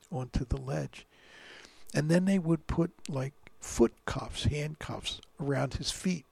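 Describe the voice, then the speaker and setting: A man, a priest, reading the Gospel dramatically and preaching, dropping to hushed whispers at moments of feeling. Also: mid-range voice, vocal fry, husky, no room sound.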